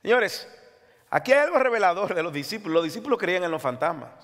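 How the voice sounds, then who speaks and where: A man's voice: sits high, sing-song, very fast, fairly bright tone, big-room sound. A man preaching an impassioned sermon as pastor, reading scripture aloud. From Latin America.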